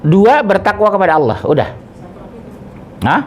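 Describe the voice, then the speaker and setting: A middle-aged man preaches to a gathering, asking his listeners questions and teasing them. His voice is a bit high and swings widely in pitch. A faint hum of noise runs behind him. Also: unhurried. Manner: questions the audience, lively, jokes. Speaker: ustadz, preacher. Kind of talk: interactive religious study talk.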